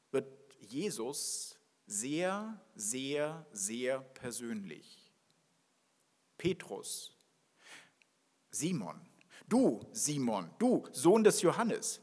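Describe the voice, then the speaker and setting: A husky, medium-pitched male pastor preaches a sermon, reading scripture before animatedly acting out little dialogues in his story. A long hall reverb surrounds his voice.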